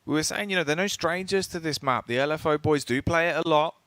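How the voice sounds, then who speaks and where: A man's voice: on the high side, fast, fairly bright tone, no echo. A man working as an esports caster, giving live play-by-play commentary that builds dramatically at key plays.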